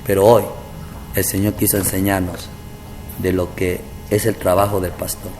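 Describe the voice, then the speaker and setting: Earnest pastor in a reverberant hall. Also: male voice, low-pitched, little pitch movement, moderate pace, a little mellow. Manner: earnest storytelling, keeps addressing "hermano". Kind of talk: testimony sermon. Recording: reverberant hall with faint ambient noise.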